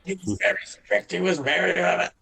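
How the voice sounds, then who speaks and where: A woman's voice: fairly low pitch, vocal fry, fairly bright tone, distant mic, poor audio. Woman singer telling stories with restarts. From Arizona. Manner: halting, many restarts, laughs while telling. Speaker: guest singer. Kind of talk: podcast interview storytelling.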